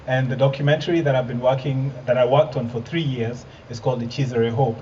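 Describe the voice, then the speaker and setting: A man's voice: mid-range voice, darkish tone. A man in his thirties from Kenya, giving an earnest live presentation to an audience with light humor and some fillers. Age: 30s. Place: event hall with audience. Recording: distant muffled hall recording with faint noise.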